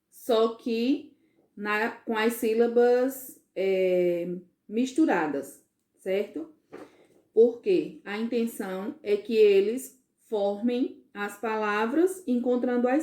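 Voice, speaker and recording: A woman's voice: fairly high pitch, a little mellow. A woman teacher recording a home lesson for parents, patiently explaining and checking in with frequent questions.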